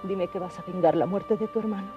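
A woman's voice: fairly low pitch, steady tone, fast talker, lightly acted. An actress playing a grieving, dying older mother who pleads for revenge, in a muffled telenovela recording with music. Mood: desperate. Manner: pleading, desperate.

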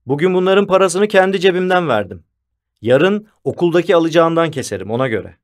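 A man voicing a cheerful, self-assured male school vice principal who speaks calmly and firmly, in an audiobook. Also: on the high side, fairly quick, pitched above the performer's own voice. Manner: calm and firm, then warmly commanding. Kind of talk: audiobook character voice.

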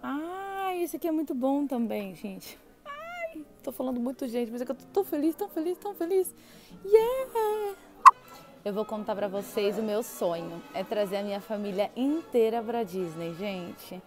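A young Brazilian vlogger browses indoor gift shops at a theme park, chatting and gushing to her viewers in a casual walkthrough. Over music, her medium-pitched voice is expressive, at normal speed with few pauses.

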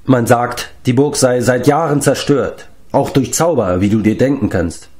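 A man's voice: mid-range voice, normal speed, darkish tone, voice pushed up, natural voice. A man voicing a whiny, self-pitying male giant in an audiobook reading, wailing his complaints.

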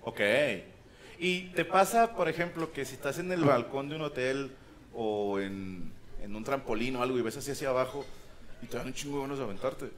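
A man's voice: mid-range voice, animated, moderate pace. A man with a Mexican accent doing crude, teasing crowd work as a stand-up comedian in a theater. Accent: Mexican Spanish. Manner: teasing, crude banter with the audience. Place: large theater with live audience. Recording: live show with loud crowd and noise.

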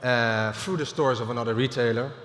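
A middle-aged man with a Dutch accent delivers a business keynote from a large stage, pausing often with fillers and restarting phrases. His voice carries long reverb through a big hall, with a faint murmur of ambience underneath. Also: mid-range voice, fairly even intonation, a bit bright, a little hiss or hum. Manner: halting, with frequent fillers and restarts. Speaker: keynote speaker.

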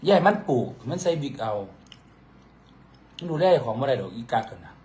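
Fast-talking man with Isan accent. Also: medium pitch, very animated, darkish tone. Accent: Isan Thai. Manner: teasing, bickering playfully. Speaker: vlogger. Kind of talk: casual couple chat.

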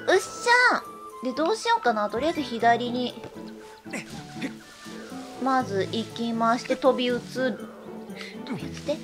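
A woman with a Kansai accent giving live gameplay commentary, excitable, calling out her own moves and repeating words as she plays. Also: on the high side. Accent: Kansai Japanese. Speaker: let's-play streamer. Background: game music.

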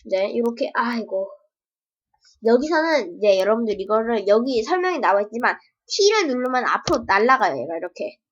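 A woman's voice: a little high, sing-song, normal speed. A woman demoing her own game with casual, playful commentary, full of sound effects and yelps. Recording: dull lo-fi home recording.

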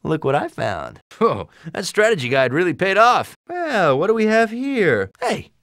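A man voicing a cocky, upbeat young superhero in a video game, with an American accent and a quippy, animated way of talking. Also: high voice, unhurried, no echo, studio quality, heavily acted. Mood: cocky, playful. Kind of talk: video game voice acting, quips and hints.

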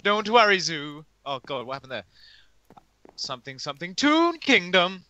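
A man in casual livestream banter, goofy and excitable. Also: high voice, moderate pace, lo-fi sound.

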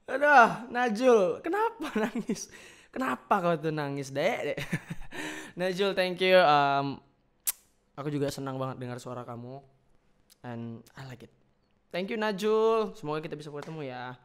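A man's voice: on the high side, smooth. A man reacting playfully to fan voice notes in casual chat. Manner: playful, chatty, quick reactions.

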